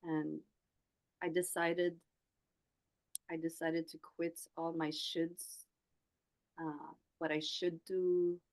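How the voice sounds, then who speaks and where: A woman in her forties from Sweden, a Swedish speaker talking in English, shares her story softly and haltingly. Her voice sits low and level, with a gravelly edge. She takes her time, pausing and restarting often. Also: flat delivery, rough recording. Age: 40s. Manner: soft, hesitant, with many pauses and restarts. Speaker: guest. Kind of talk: reflective personal story.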